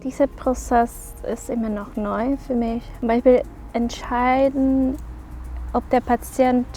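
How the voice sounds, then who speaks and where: Female assistant doctor, 30s, from Costa Rica; higher voice, thoughtful pauses. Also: little pitch movement, mellow, faint music behind. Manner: thoughtful, pausing to find words. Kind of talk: documentary interview.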